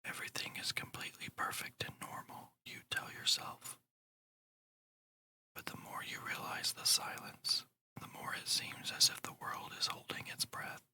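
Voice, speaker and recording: A narrator guides a meditation entirely in a breathy whisper, ASMR style, speaking slowly, soothingly, and deliberately.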